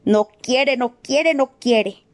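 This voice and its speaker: A hoarse, booming house-elf, put on by a woman reading aloud, stubborn and full of spite. He chants his refusals slowly and over and over. His voice is raised and a little loud in this storybook. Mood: stubborn protest. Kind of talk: audiobook character voice.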